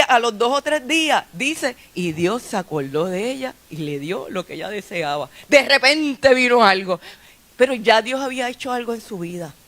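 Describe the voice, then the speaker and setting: A woman's voice: on the high side, fairly bright tone. A woman pastor, preaching a sermon in a chatty, conversational way, often restarting her phrases. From Puerto Rico. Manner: conversational preaching with frequent restarts and light laughs. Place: church sanctuary.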